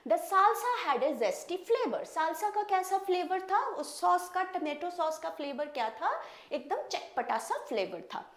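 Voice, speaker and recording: An Indian woman teaches English vocabulary, mixing explanation with slow, careful model pronunciations. Her voice sits high and moves a great deal. The room behind her gives the sound a noticeable echo. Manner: repeats words slowly to model pronunciation. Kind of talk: bilingual classroom lesson, explaining word meanings. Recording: echoey room.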